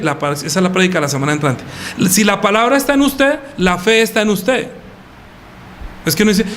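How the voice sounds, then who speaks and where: Pastor guy preaching, pretty high voice, keeps asking the crowd questions and answering himself, faint noise behind. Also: fairly bright tone. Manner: preaching with rhetorical questions, calls on congregation by name. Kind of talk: sermon.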